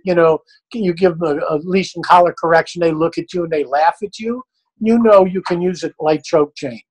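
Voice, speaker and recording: A man's voice: high voice, poor audio. An older man, a dog trainer, answering questions in a blunt, folksy, plain-spoken way.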